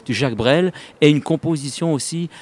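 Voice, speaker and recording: A man of Sicilian descent raised in France, a stage singer, talking about his show in an animated, laughing, rambling way. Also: on the high side, normal speed. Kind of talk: casual interview.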